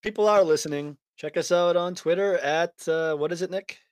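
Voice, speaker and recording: Man, podcast host, casual chat, rambling, slightly high pitch. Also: normal speed, clear, resonant tone, dry recording. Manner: relaxed, chuckles often, rambling.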